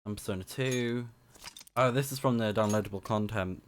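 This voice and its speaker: A young man with a lowish, slightly scratchy voice streams a video game at a moderate pace, giving enthusiastic, casual live commentary and thinking aloud. Game music plays in the background.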